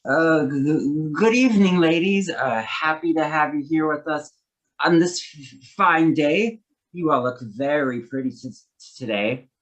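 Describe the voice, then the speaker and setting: A man's voice: medium pitch, normal speed, lightly acted, low-quality recording. An actor playing a shy, thin young man who stammers and hesitates in an amateur stage play. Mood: nervous. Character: shy stuttering young man, waiter son.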